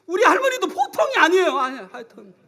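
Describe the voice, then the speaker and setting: A man delivers a sermon in a high, bright voice. He tells personal stories with animated, swinging intonation and bursts of shouting, and keeps drawing the congregation in with quick questions. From South Korea. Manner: animated storytelling, acts out scenes and shouts; asks the congregation for replies often. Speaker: preacher.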